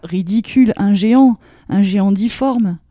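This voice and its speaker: A woman's voice: medium pitch, measured pace, dark tone, no room sound, lightly acted. A woman voicing an irritated, dismissive husband who answers coldly and sarcastically. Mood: irritated, scoffing. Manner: cold, sarcastic retorts.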